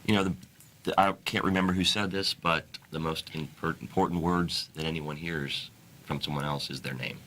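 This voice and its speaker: A man with a notably low voice and a bright, forceful edge. He talks as an interview guest in an earnest, halting way, often restarting his sentences. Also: steady tone. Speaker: guest author. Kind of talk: interview talk.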